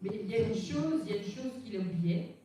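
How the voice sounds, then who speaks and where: A woman interpreting a church testimony, retelling it in the first person in a measured storytelling way. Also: mid-range voice, lively intonation, warm tone. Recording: echoey hall, mic far off, faint noise.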